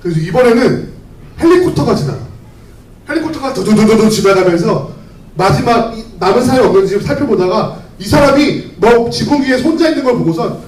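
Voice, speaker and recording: A man preaches to a youth group in a high, animated voice, asking many rhetorical questions. He speaks conversationally and tells stories as he goes. The church hall is roomy, and the mic is some distance from him. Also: a little fast. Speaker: pastor. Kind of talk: youth sermon with storytelling.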